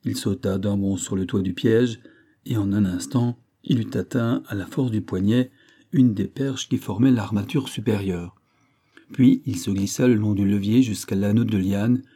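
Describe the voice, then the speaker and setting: Dark-voiced man reading a novel aloud. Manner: reads dialogue with raised pitch and force. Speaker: audiobook reader. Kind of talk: scripted narration of a classic novel.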